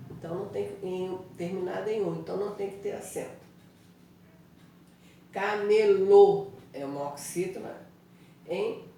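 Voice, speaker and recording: Teacher lady going over answers slowly, keeps asking "tá?", far from the mic, faint room noise. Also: on the low side, a little mellow, heavy reverb. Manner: explains step by step, frequent "tá?" and "né?" checks. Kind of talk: online class lesson.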